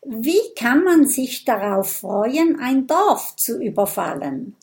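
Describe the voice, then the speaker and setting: A sharp-tongued little porcupine girl who grumbles and mocks, as a woman reads her. Often half-whispered, low-key and slow. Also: sing-song, exaggerated voice. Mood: sceptical. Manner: grumbling, mocking. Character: grumpy sceptical female porcupine.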